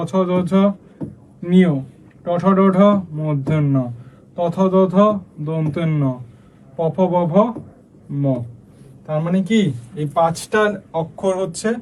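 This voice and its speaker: A man's voice: on the high side, a little mellow, slight background noise. A male teacher giving an exam-prep lesson, explaining step by step and often asking the class questions.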